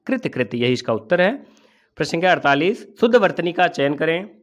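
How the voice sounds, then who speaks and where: A man's voice: a little high, big pitch swings, fast talker. Man explaining test answers. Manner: asks and answers his own questions. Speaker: exam coaching teacher.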